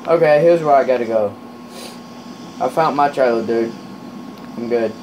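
A man chatting casually while playing a trucking game with a friend, rowdy, swearing a lot, with loud excited outbursts. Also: medium pitch, moderate pace, noisy background.

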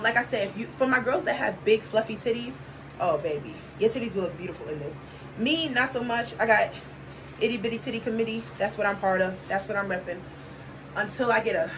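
A young woman vlogging a clothing try-on haul, sassy and playful, hyping each outfit. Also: mid-range voice. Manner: sassy, playful, sings snippets and hypes outfits. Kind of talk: casual try-on haul chat. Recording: distant mic with audible background noise.

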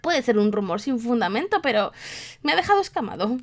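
A woman's voice: on the high side, sing-song, brisk. A woman with a Spain Spanish accent reading aloud the lines of a chatty, nostalgic male villager from a video game.

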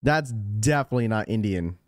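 A young man with a fairly low, animated voice hosts a sneaker livestream, talking briskly with no room sound. He jokes loosely, laughs often, and mimics voices in casual stream chat. He's indoors in a small blue-lit room, close to a studio mic on a boom arm.

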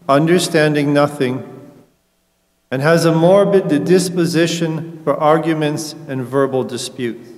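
A middle-aged man, a priest, reading scripture aloud in a slow, measured, solemn way at a lectern in a large church. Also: on the high side. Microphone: lectern microphone. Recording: long church reverb.

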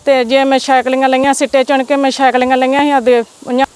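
A woman's voice: high voice, flat delivery, fast, smooth. A young woman with a Punjabi accent from the Majha region, speaking in an interview outdoors, distressed and repeating herself. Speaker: fire victim interviewed. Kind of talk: emotional testimony. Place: outdoors in a village.

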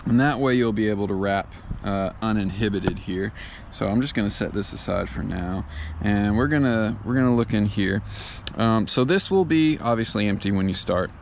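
A man's voice: on the low side, normal speed, creaky, a little hiss or hum. A man teaching fly fishing gear setup outdoors in a casual, step-by-step way, with plenty of ums and uhs. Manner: relaxed, filler-heavy step-by-step explaining. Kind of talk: casual how-to tutorial. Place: outdoors on a lawn.

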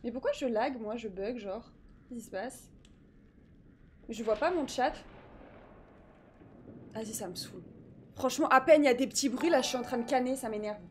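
A woman streaming live, chatting excitedly with her viewers while fixing her setup. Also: fairly high pitch, normal speed, pauses often, slight background noise. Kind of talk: live gaming stream chat.

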